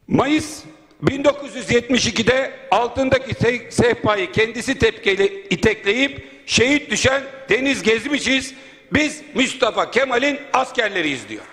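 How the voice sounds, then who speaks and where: Male MP at a podium microphone, high voice, indignant and rhetorical, chamber reverb. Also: lively intonation, measured pace, fairly bright tone. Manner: indignant, rhetorical, listing points. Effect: speaking at a podium microphone. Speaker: member of parliament. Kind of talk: parliamentary floor speech. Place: large parliament chamber. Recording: long reverb of a large hall.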